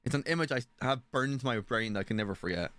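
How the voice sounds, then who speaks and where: A man's voice: mid-range voice, lively intonation, rapid-fire, a bit bright, no room sound. A young man telling a personal story in a casual, rambling way, often swearing and asking "you know what I mean". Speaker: stream participant.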